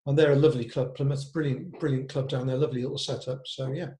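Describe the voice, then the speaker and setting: The walking football manager, an older man from Cardiff, Wales, who was born in Devon, talks fast in a medium-pitched, steady, dark-toned voice. As an interview guest he's casual and anecdotal, reminiscing freely, and the sound is roomy and echoing.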